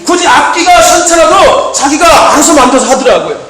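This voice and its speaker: A man preaching a sermon, telling stories with lively energy and punching key lines with shouted emphasis and calls of amen. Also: extremely high pitch, fairly quick. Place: church hall. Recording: echoey church hall. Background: congregation answering amen.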